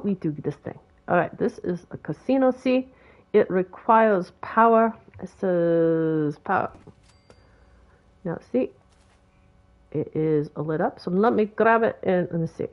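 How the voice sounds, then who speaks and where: This rambling, chatty commentary for a game tutorial comes from a woman with a Boston accent who makes game videos. She speaks on the lower side, and the audio is dull.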